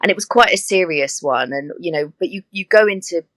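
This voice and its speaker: A woman who works as an air hostess, telling stories in a chatty, animated way with laughing asides. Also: fairly low pitch, brisk, dry recording. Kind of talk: casual interview chat.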